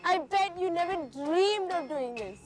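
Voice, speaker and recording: A woman's voice: extremely high pitch, lively intonation, a little slow, music in the background. A young woman giving casual travel commentary outdoors as she goes along. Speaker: traveller and presenter. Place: outdoors, riding an elephant.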